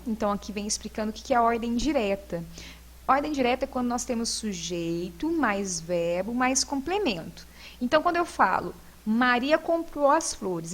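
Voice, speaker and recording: A Brazilian woman teaching a recorded lesson, walking through each exercise patiently and step by step. Her voice sits a little high for a woman, and she often checks in with a quick "né". The delivery is calm and explanatory. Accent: Brazilian Portuguese. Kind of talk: recorded lesson correcting homework.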